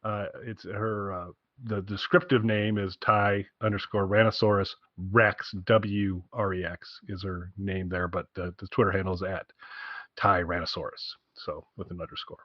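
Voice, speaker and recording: Deep-voiced and fairly flat in pitch, this podcast co-host speaks at normal speed, enthusiastic yet rambling and repetitive on a casual show recorded over an internet call. The audio is dull, without echo.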